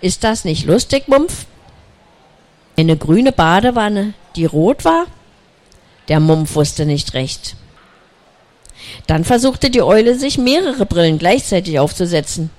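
Slow, calm children's storyteller. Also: medium pitch. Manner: calm, unhurried reading with small slips. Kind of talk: children's story reading aloud.

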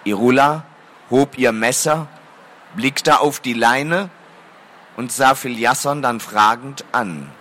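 A man's voice: mid-range voice, takes it slowly, pushed and bright. A man reading a fantasy novel aloud to an audience, addressing listeners formally between passages.

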